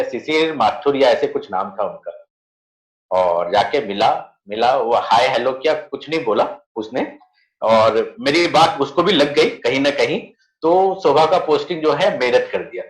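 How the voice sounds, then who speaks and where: On a video call from an echoey room, a middle-aged man with an Indian accent tells his personal story. He is a network marketing leader, and his mid-range voice comes across as conversational and earnest.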